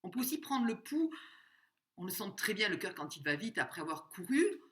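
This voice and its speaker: A woman giving a spoken music lesson, explaining slowly, singing short examples and counting out the beats. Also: medium pitch, sing-song, fairly bright tone. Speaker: music teacher.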